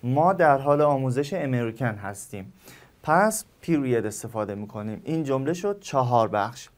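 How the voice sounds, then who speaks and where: Man, Persian accent, native Persian speaker, English teacher, recorded lesson, patient step-by-step explanations, mid-pitched voice. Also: lively intonation. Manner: slow, spelled-out explanations with repeated examples.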